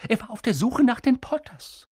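A man voicing a stern, sharp-tongued elderly female witch professor in an audiobook reading, pushing his voice up high and insistent. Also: big pitch swings, moderate pace, breathy edge, heavily acted. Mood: agitated. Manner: insistent, agitated, high strained voice. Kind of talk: audiobook character voice.

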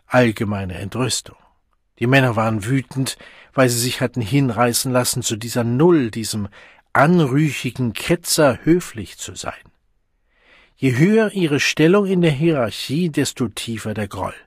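Husky male audiobook narrator. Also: medium pitch, lively intonation, normal speed, no echo, studio quality. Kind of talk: scripted narration.

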